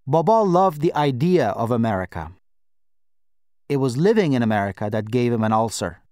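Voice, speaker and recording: A man narrating a first-person audiobook in a measured, wry storytelling manner. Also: medium pitch, sing-song, darkish tone, no echo, studio quality.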